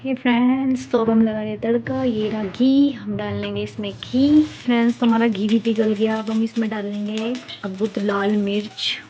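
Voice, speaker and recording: A woman's voice: a little high, fairly even intonation, moderate pace, dark tone, lo-fi sound. A young woman chatting casually to her viewers while cooking in her home kitchen. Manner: chatty, addresses viewers as friends. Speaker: vlogger. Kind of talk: casual home vlog chat. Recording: noisy home recording.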